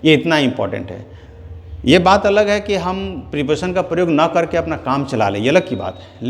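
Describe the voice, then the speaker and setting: A man teaching English grammar in a classroom-style lesson, dictating word by word and checking in with "clear?" as he goes. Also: mid-range voice. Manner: slow, drawn-out dictation, asks "clear?" often; spells out words one at a time. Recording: long hall reverb, faint noise.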